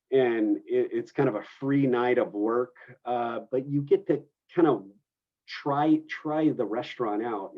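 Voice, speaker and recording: A man's voice: mid-range voice, narrow, tinny audio. A man teaching a class in a classroom, talking loosely, with many restarts and fillers. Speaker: culinary instructor. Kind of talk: classroom lecture.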